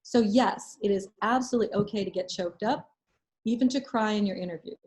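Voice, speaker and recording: A woman's voice: medium pitch, brisk, a little mellow. A woman advising students in a casual webinar, giving frank practical advice with fillers and restarts. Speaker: medical school admissions advisor. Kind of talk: casual webinar talk answering questions.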